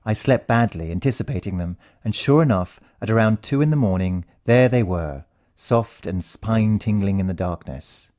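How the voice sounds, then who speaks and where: A man's voice: on the low side, lively intonation, moderate pace, darkish tone. A British man narrating a first-person story in a dramatic, suspenseful way. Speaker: audiobook narrator.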